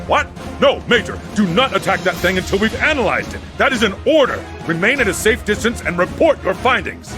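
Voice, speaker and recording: Man acting animated, commanding anime military leader. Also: medium pitch, quick pace, over music, close to an everyday voice. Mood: alarmed, stern.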